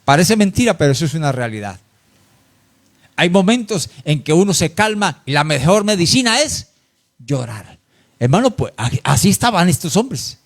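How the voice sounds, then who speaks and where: A man's voice: fairly high pitch, very animated, moderate pace. A man preaching a sermon in church, emphatic and repetitive, often addressing his listeners as brother. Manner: emphatic, repeats phrases, addresses "hermano".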